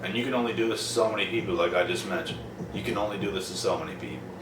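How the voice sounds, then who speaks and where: A man's voice: low-pitched, rapid-fire, recorded from a distance. A young man, ranting bluntly and profanely in a casual vlog, repeating himself for emphasis. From Prince Edward Island, Canada. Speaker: vlogger. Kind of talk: casual monologue to camera. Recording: roomy, off-mic, noisy background.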